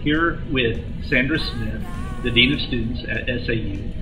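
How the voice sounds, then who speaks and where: A man's voice: medium pitch, measured pace. A man leading a campus ministry, hosting a promotional video in an earnest, preacherly way. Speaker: campus ministry leader and host. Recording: roomy sound from a distant mic with music behind.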